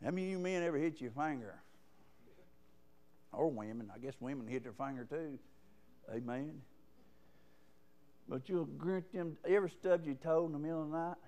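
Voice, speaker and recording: A man preaching a sermon in a church, punctuating his points with calls of "amen" and rising to loud emphasis. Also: a little high, normal speed, long pauses. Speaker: guest preacher. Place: church sanctuary.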